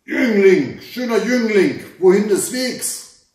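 A man voicing a fierce, threatening masked male hunter in a fairy tale, shouting in a loud, raised voice. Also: animated, unhurried. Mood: menacing. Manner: loud, booming, menacing. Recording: echoey room, far from the mic.

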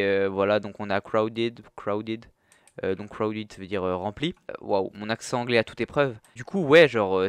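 A man's voice: mid-range voice, fairly bright tone, smooth, dry recording. A young man giving casual commentary over his gameplay as a gaming video host, chatty and full of hesitations. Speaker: gaming youtuber.

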